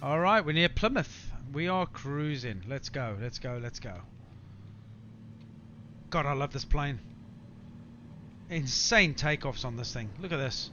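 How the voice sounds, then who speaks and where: Fairly high and animated, with a bright, forceful tone, the man speaks a little slowly and pauses often as he live-streams a flight simulator. He addresses viewers in a matey way, over faint background noise and slightly dull audio.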